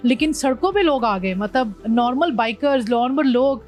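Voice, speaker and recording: A woman from Pakistan talks through her long motorbike ride in an interview, her voice a touch high and her telling animated. She drops English words into her sentences. Soft music plays underneath. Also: normal speed. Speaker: motorbike traveller, guest. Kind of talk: interview conversation.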